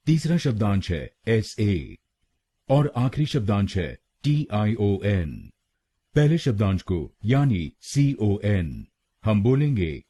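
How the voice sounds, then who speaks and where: Slow, deep-toned Indian man teaching pronunciation. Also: mellow, breathy edge. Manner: slow, syllable-by-syllable drilling. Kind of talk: scripted tutorial narration.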